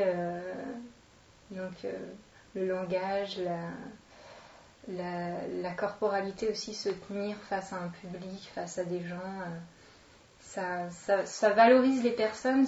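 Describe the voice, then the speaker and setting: An actress and children's entertainer in her late twenties, with a French accent from France, casually and hesitantly introduces herself during an interview, thinking out loud. Her mid-range voice has a slightly mellow quality, captured on a distant, noisy microphone in a dull, roomy space.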